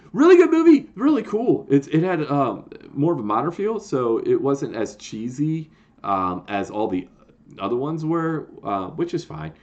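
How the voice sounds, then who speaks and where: Rambling excited man, dull lo-fi sound. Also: fairly high pitch. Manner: rambling, excited, full of fillers and restarts. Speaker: YouTube host ranking horror films. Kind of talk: casual chat to camera.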